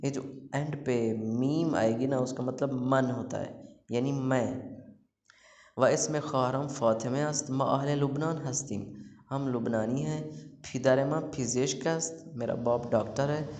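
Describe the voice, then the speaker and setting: A man's voice: mid-range voice, fairly even intonation, measured pace, a little mellow. A man teaching a recorded language lecture, explaining and translating each example. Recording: echoey room with long reverb.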